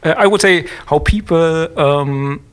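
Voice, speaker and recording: A man from Germany with a German accent talks as a guest in a casual podcast interview. He speaks hesitantly and searches for his words, with frequent fillers and pauses. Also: on the high side, clear, resonant tone.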